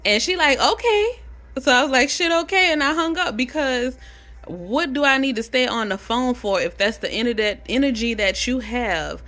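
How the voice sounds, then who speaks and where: A young adult woman vlogging, telling a casual story to camera, animated and chatty, swearing freely. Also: fairly high pitch, normal speed.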